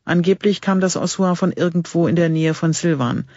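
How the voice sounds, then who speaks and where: An eager, secretive male archaeologist, read by a man in an audiobook, explaining his find in an earnest tone. The voice is husky and fairly high. The recording is dry and a little dull and lo-fi. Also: normal speed, darkish tone, no echo.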